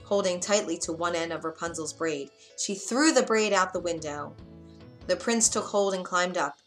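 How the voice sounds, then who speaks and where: A woman narrating a fairy tale aloud in a clear, measured storybook reading. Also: lowish voice, faint music behind.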